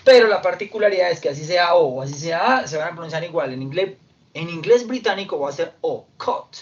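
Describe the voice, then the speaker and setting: Man, English teacher, online class, fairly high voice, far from the mic, muffled lo-fi sound. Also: animated. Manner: slow, repeats verb forms for drilling. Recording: distant, dull lo-fi audio with faint noise.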